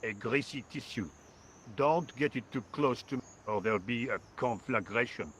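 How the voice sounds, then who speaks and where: An actor playing a lazy, sarcastic French painter in a video game, speaking with a French accent in a dry, indifferent drawl. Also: male voice, medium pitch, normal speed, fairly bright tone, a little hiss or hum, close to an everyday voice.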